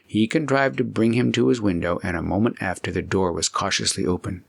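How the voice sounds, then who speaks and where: In a studio-quality recording with no room sound, a man narrates a storybook as a scripted audiobook reading. His low voice has a clear gravelly creak, his tone is steady, and his expression is deliberate.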